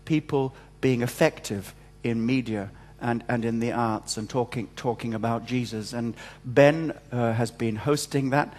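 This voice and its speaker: A man's voice: medium pitch, measured pace, few pauses, a little mellow. A man leading church notices at a pulpit microphone, joking and chatty as he talks to his congregation. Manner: jovial, self-mocking, chatty. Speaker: church service leader giving announcements. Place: large church hall. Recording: long church hall reverb.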